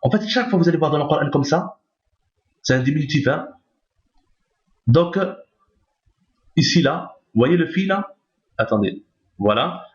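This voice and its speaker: A man's voice: on the high side, animated, moderate pace, long pauses. A man teaching how to read Arabic in a recorded lesson, patiently repeating each point and checking that his listeners follow. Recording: echoey, dull lo-fi recording.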